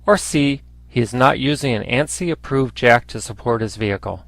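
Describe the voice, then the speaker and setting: A man's voice: medium pitch, normal speed, creaky, no echo. Dry-sounding male instructional narrator. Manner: formal, instructive. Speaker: training narrator.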